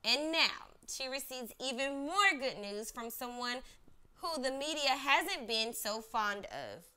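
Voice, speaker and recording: A woman's voice: sits high, big pitch swings, slow pace, pushed and bright, clear, resonant tone. A woman hosting a casual entertainment news roundup, chatty and upbeat, talking straight to her viewers. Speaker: host.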